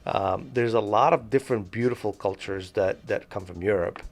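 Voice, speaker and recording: Low gravelly man from Morocco. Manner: thoughtful, halting with restarts. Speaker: podcast co-host. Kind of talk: casual discussion.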